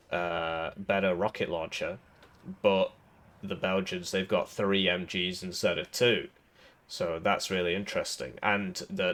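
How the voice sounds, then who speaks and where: A gaming video creator with a low voice and a fairly bright tone gives casual, rambling commentary over a strategy game. He has a cold that makes him sound a little throaty, and his talk is full of fillers and restarts.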